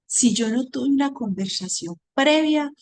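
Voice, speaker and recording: A woman's voice: high-pitched, animated, measured pace, dry recording. A woman psychologist teaching a session on emotional intelligence, who explains by asking questions and coming back to simple everyday examples.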